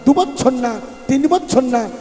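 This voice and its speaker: A man's voice: extremely high pitch, expressive, slow, warm tone. A man preaching a devotional sermon, telling a story animatedly and calling out rhetorical questions to the audience. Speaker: kirtan preacher. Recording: echoey hall with faint music.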